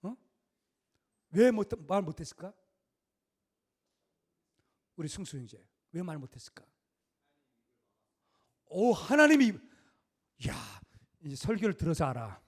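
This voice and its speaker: A middle-aged male pastor preaching a sermon in a conversational, emphatic way, full of rhetorical questions. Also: on the high side.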